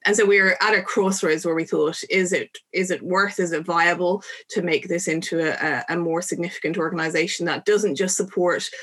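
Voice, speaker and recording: A Dublin Irish woman in her forties speaks as an interview guest. Her voice sits a little low. She talks earnestly and conversationally, often pausing on "um". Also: fairly even intonation, breathy edge. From Ireland. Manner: warm, earnest, frequent "um" fillers. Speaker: guest, ministry director.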